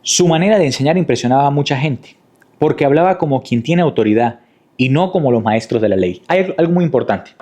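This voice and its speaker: A man's voice: mid-range voice, animated, fairly quick, a little mellow. A man preaching a sermon in a teaching manner, asking rhetorical questions and repeating key points. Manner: didactic, with rhetorical questions and repetition.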